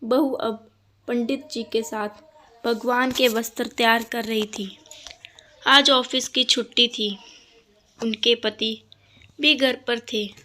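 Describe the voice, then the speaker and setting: A woman narrating a family story in a deliberate, scripted storytelling manner. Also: a little high, fairly even intonation, sharp tone. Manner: slow, deliberate telling.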